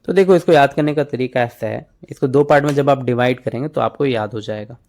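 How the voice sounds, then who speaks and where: Guy teaching vocab in hindi, mid pitch, keeps saying ok to check ur following. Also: brisk, darkish tone. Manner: explains words in Hindi mixed with English, memory tricks, frequent "ठीक है". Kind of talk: exam-prep vocabulary lesson.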